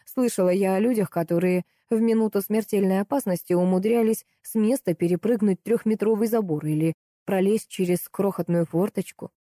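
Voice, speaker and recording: A woman narrating a first-person audiobook in a steady, lively storytelling way. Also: mid-range voice, fairly quick, no room sound, studio quality.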